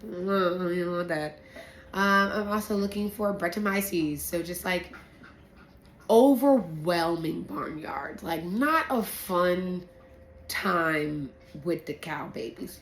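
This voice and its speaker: A woman sommelier talks through a tasting in a casual, slangy style. She takes her time and is playful with her asides. The room adds a clear echo, with faint noise behind her. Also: on the low side. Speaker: sommelier presenting a blind wine tasting. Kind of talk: casual explanatory chat to camera.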